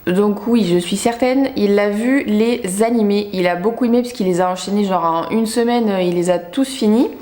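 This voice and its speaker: This young book vlogger has a mellow, medium-pitched voice and a moderate pace with hardly any pauses. She chats casually about the books she bought, full of fillers and self-mockery, and the room sounds echoey.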